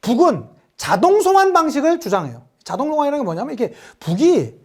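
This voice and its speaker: A woman's voice: high voice, fast talker. A woman from Daejeon giving an exam-prep history lecture, telling stories animatedly and acting out quotes. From Daejeon, South Korea. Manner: animated storytelling, acts out quotes.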